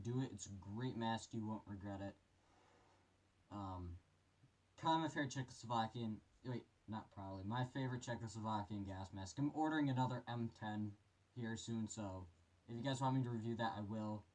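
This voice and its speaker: A man's voice: fairly low pitch, fairly quick, a little mellow. Man talking muffled through a gas mask. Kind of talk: casual product review. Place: bedroom.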